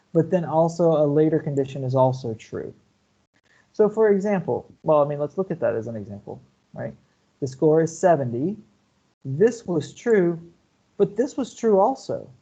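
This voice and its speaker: Heard through a muffled recording, this male computer science lecturer has a higher, dark-toned voice. He walks through programming concepts step by step over shared slides in an online class, frequently asking "okay?" or "right?".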